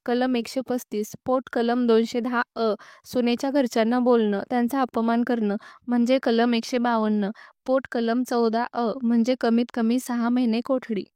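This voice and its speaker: A woman's voice: fairly high pitch, little pitch movement, normal speed, warm tone, clear, resonant tone, dry recording, clean studio sound, lightly acted. A woman reading out the lines of a stern young woman who threatens her elder by listing legal sections. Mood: threatening. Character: stern young woman lecturing about the law.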